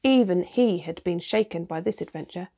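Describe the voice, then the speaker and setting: A woman reading a children's storybook aloud, with steady, expressive narration. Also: fairly low pitch, moderate pace, vocal fry. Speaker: reader.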